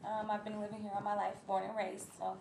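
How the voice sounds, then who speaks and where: A woman in her twenties from Denver, answering interview questions hesitantly with many pauses. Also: mid-range voice, flat delivery, vocal fry, a little hiss or hum. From Denver, Colorado. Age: 20s. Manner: hesitant, many ums, soft-spoken. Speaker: guest.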